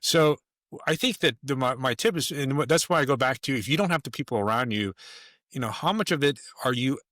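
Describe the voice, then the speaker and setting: A man's voice: medium pitch, fairly quick, a bit bright, no room sound, clean studio sound. A man talking as a podcast guest in casual conversation, emphatic and rambling, with many restarts.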